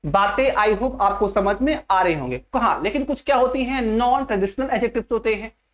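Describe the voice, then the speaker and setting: A woman with a fairly high voice is teaching a grammar lesson in an exam coaching class. She lays out each point step by step and repeats it slowly. She keeps asking her students rhetorical questions to keep them with her. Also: animated. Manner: slow and repetitive, spelling out each step. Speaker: English teacher.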